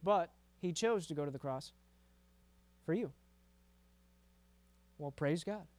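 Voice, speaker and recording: A youth pastor preaches to his group casually and conversationally, often repeating words and checking in with "right?". His voice is on the high side, expressive, and slow.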